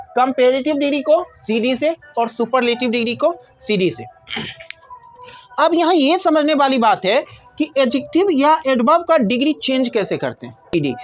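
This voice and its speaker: Woman, high voice, grammar teacher, step-by-step explaining, answers her own questions. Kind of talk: grammar lesson.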